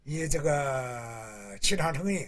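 A man in his seventies, a local researcher, explaining slowly and deliberately in an interview. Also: medium pitch, lively intonation. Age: 70s.

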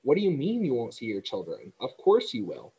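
Innocent young storybook pig, voiced by a male reader; earnest and wondering, breathy tone. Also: medium pitch, wildly swooping pitch, fairly quick, mellow, heavily acted, poor audio.

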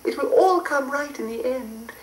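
Brief: woman as a soft cooing fairy, high and fussy, roomy cassette sound. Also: moderate pace, close to an everyday voice. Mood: fussing. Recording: roomy old cassette recording.

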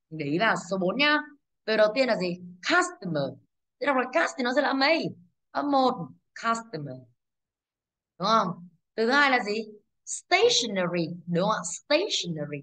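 A woman's voice: a little high, a bit bright. A woman teacher with a Vietnamese accent going over exam answers, explaining patiently, checking in with rhetorical questions and correcting herself. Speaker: English teacher. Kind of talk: exam review lesson.

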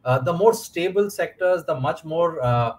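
A man's voice: on the high side, animated, darkish tone, low-quality recording. Indian man explaining on a video call. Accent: Indian English. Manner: measured, explanatory, many fillers. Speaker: fund manager guest. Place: indoor room.

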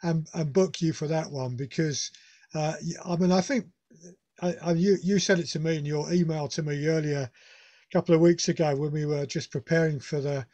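A man's voice: fairly high pitch, fairly even intonation, moderate pace, mellow. A man with a Northern English accent hosting a radio club meeting, talking casually with many restarts and fillers. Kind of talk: casual club talk over video call.

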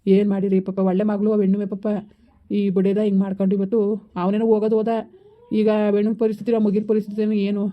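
A woman's voice: mid-range voice, monotone, fairly quick, highs cut off, natural voice. A woman playing a troubled village man. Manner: earnest, troubled, pleading. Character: worried village man, relative of the dead man. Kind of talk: amateur village skit acting.

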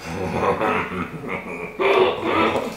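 A man's voice: deep voice, very animated, drawn-out words, gravelly, very noisy. A young man in casual challenge banter, talking with his mouth full of chocolate in a room. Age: young adult. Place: small room indoors on a couch. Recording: echoey room, distant camera mic. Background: music.

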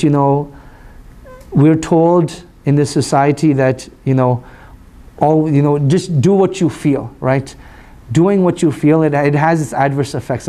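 Imam, hoarse voice, even and dark, chatty religious lecture with q&a. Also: male voice, fairly high pitch. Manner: relaxed, conversational, frequent "you know". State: hoarse, voice recovering. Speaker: imam teaching a study circle.

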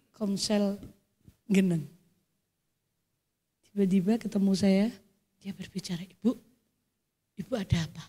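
A middle-aged woman with a Javanese accent preaching a sermon, telling chatty stories and swelling into loud exhortation. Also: mid-range voice, husky. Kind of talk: sermon with storytelling. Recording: echoey church hall.

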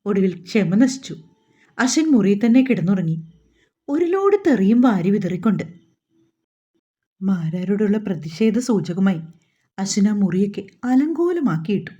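Chatty woman storyteller, mellow dark husky voice, dull lo-fi recording. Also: medium pitch, sing-song, moderate pace, pauses often. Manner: chatty, addresses listeners directly. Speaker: audiobook author and narrator. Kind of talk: storybook narration.

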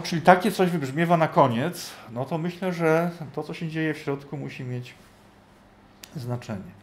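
Higher-voiced man teaching a Bible class. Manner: thinking aloud, often tagging questions to the listeners. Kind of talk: conversational Bible teaching to a group.

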